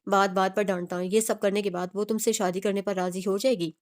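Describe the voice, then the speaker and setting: A woman reading the lines of a teasing, quick-tempered young male friend in a romance audiobook. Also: medium pitch, flat delivery, lightly acted. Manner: teasing, then sharp.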